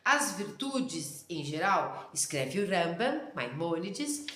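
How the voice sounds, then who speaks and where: A woman with a Rio Grande do Sul interior accent giving a casual religious lesson, talking fast, loud and intensely. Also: on the low side, very animated. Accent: Rio Grande do Sul interior Brazilian Portuguese. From interior of Rio Grande do Sul, Brazil. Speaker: Torah teacher. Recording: roomy echo.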